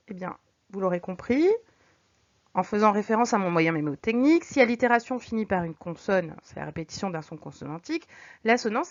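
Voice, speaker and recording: A woman teacher explaining figures of speech to her students, patient, reading examples slowly and clearly. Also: fairly high pitch. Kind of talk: recorded French lesson. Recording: dull lo-fi recording.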